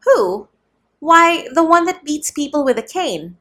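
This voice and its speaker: A woman's voice: sits high, sing-song, unhurried, fairly bright tone, voice pushed up, full character voice. Storybook figure: sly, offhand male gravedigger, half-joking in manner, read by a woman.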